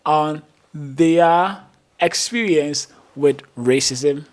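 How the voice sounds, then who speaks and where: A man's voice: fairly high pitch, drawn-out words. Upbeat man hosting street interviews. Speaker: street interviewer and channel host. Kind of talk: upbeat vlog intro and street interview questions.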